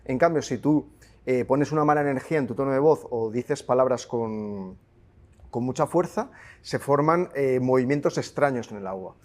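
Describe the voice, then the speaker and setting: A man's voice: mid-range voice, moderate pace, darkish tone. Man explaining with stammering restarts. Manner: explains with stammers and repeated words. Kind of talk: casual conversation.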